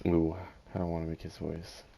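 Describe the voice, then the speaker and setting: A man's voice: low voice, monotone, normal speed, vocal fry, warm tone, a little hiss or hum. A young man reading game dialogue aloud during a let's play, joking and stumbling over names while half-heartedly acting out characters. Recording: game music playing behind.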